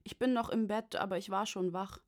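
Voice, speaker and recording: A woman's voice: mid-range voice, fairly even intonation, brisk, a little mellow, close to an everyday voice. A woman voicing a groggy elderly man on the phone, sleepy, faint and a little breathless. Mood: drowsy.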